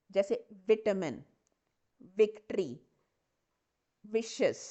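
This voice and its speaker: Lady teacher, kinda high voice, slow careful lecture, repeats example words, muffled lo-fi audio. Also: darkish tone. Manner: patient, explains step by step, repeats example words. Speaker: English teacher. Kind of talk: classroom lecture mixing Hindi and English. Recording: muffled lo-fi recording.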